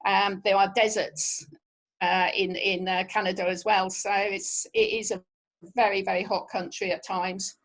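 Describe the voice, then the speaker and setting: A woman's voice: medium pitch, level tone, a little slow, rough recording. A middle-aged English woman with a Norfolk accent gives an informal slide presentation as a travel specialist, chatting with conversational asides to her listeners.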